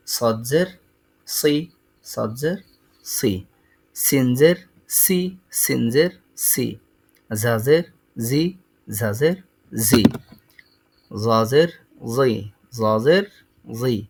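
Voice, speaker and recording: A man teaching Quran letter sounds, saying each letter and its vowel twice in a slow, deliberate drill. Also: mid-range voice, darkish tone, breathy edge, poor audio. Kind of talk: slow recitation lesson.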